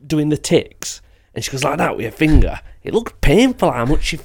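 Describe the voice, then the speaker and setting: A man's voice: on the high side, big pitch swings, normal speed, gravelly. A man, bantering casually as a slangy, jokey podcast co-host.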